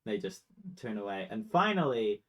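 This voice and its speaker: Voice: mid-range voice, sing-song, normal speed, low-quality recording. A game master narrating a tabletop role-playing game in a casual way, with many fillers.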